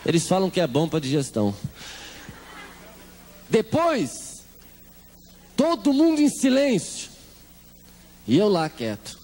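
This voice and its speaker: A Brazilian man tells his church testimony with humor, his pitch swinging widely as he acts out each person in the story. His voice sits a bit high for a man. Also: takes it slowly, pauses often. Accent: Brazilian Portuguese. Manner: animated storyteller acting out quoted voices.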